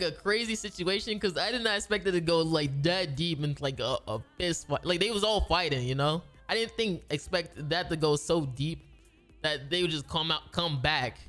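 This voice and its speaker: A man's voice: high voice, a bit bright. Slangy man telling a rambling story. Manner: rambling, repeats and restarts, slangy. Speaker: gaming video creator. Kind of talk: casual storytelling.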